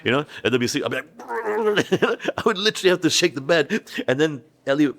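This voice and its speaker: A middle-aged man telling personal stories as a podcast guest, halting and restarting his sentences, and acting out family members' voices when he quotes them. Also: on the high side, animated, fairly bright tone. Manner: halting, with many restarts and repeated words. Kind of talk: candid personal storytelling.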